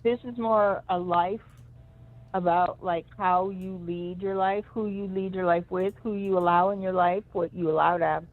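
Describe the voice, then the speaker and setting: A woman's voice: lowish voice, fairly even intonation, normal speed, hardly any pauses. Woman on a crackly, breaking-up phone line. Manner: searching and hesitant, with many restarts. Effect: crackly phone line that cuts in and out. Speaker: co-host giving psychic readings. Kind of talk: intuitive reading for a caller.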